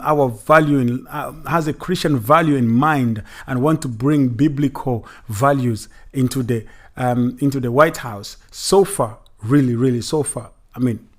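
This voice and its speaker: A man hosting a livestream commentary show, speaking with hesitant fillers and repeated phrases, building into preaching emphasis. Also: mid-range voice. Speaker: show host.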